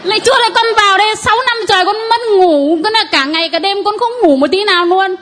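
A woman from the congregation tells the priest her healing testimony. Her voice sits very high, and she talks earnestly with bits of laughter. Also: fast talker, a bit bright, slight background noise. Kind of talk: spoken testimony.

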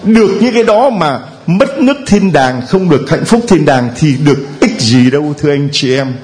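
Lively, playful male priest preaching. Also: a little high, normal speed. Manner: playful and humorous, acting out quoted voices. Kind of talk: sermon to a congregation.

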